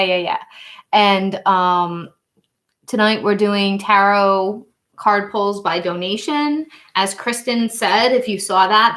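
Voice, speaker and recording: A woman hosts a relaxed tarot-reading livestream. She talks in a rambling, chatty way, laughing often and filling pauses with ums and likes. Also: mid-range voice. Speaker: tarot reader and channel host. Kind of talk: casual livestream chat.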